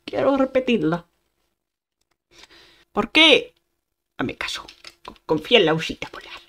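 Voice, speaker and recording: Playful woman gamer, lively pitch. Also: measured pace. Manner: playful, bursts of exclamations and sound effects. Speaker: gaming youtuber. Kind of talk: casual gameplay commentary.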